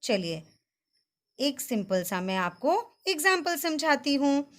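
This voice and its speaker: With a bright, high voice that bounces up and down, a woman teacher coaxes small children through Hindi words. She repeats them slowly, one syllable at a time, and fills the gaps with animated, sing-song cheering for the class.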